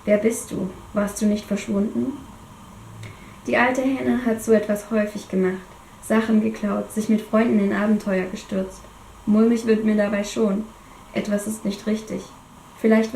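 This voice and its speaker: A woman's voice: medium pitch, steady tone, normal speed, creaky, echoey room, a little hiss or hum, poor audio. Woman with a cold reading her novel aloud. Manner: reads dramatically, drops to a hush in tense moments. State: has a cold. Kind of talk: first-person novel reading.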